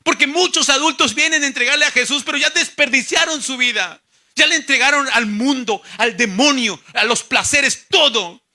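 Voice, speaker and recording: Male pastor, sharp, piercing tone, impassioned sermon delivery. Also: extremely high pitch, normal speed. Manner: impassioned preaching, swinging from hushed to emphatic.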